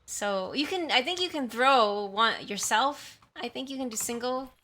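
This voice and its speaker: Here a woman livestreamer talks casually with viewers in her home, wandering off topic and frequently saying sorry. Her voice sits fairly high, with lively intonation, a measured pace, and a pushed, bright quality, captured by a desktop condenser mic at high sensitivity.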